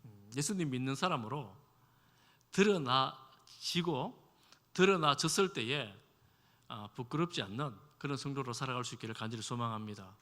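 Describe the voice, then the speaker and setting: A man's voice: medium pitch, normal speed, pushed and bright. A male pastor giving a conversational sermon in a church, asking the congregation questions and acting out quoted speech. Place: church sanctuary. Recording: long hall reverb.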